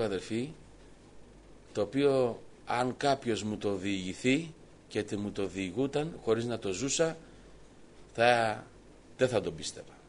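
A man's voice: mid-range voice, slight background noise. A man telling a personal story to his congregation as a sermon, quoting the dialogue at length. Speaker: preacher giving testimony. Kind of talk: sermon testimony.

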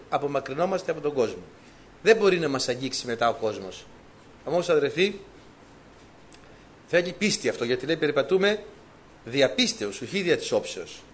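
A man from Greece preaching a sermon, telling personal stories with lively, animated delivery. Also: a little high, slight background noise. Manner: lively, animated storytelling, laughs at own stories.

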